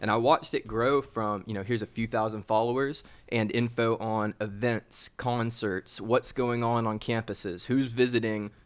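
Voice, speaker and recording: A man hosting a podcast, opening the show and pitching to listeners in an upbeat, casual way. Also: steady tone, measured pace, hardly any pauses, clean tone. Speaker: podcast host.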